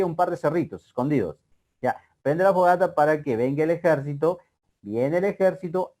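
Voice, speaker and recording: A man's voice: on the high side, a little mellow. A male literature teacher with a Peruvian accent, retelling a story with rhetorical questions. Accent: Peruvian Spanish. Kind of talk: storytelling lesson.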